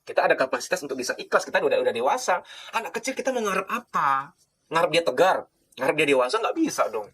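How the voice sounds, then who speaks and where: A middle-aged man from Indonesia lectures as a psychologist in quick, rushing bursts. His voice is bright and forceful. He swings from loud, urgent pleading to soft, hushed asides. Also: on the high side, sing-song, slightly rough. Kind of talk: passionate spoken lecture.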